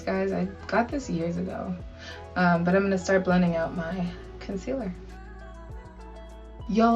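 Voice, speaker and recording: Chummy and informal, this young woman talks her viewers through a get-ready-with-me makeup routine, throwing in plenty of slang. Her voice is medium pitched, the audio is dull, and the distant mic picks up music in the background.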